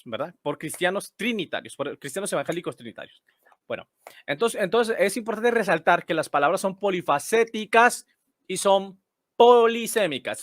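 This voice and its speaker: A man's voice: sits high, fairly bright tone, no echo, studio quality. A man explaining Bible verses. He repeats key phrases and keeps checking in with his listeners as he reads translations aloud. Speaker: Bible teacher. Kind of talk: screen-share Bible study explanation.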